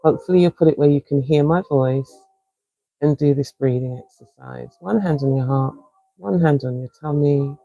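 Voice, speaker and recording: A woman with a South London accent, a wellness coach leading a live-streamed guided breathing session in a slow, soothing, encouraging way. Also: rumbling low, gravelly, dark tone, dry recording, lo-fi sound. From England.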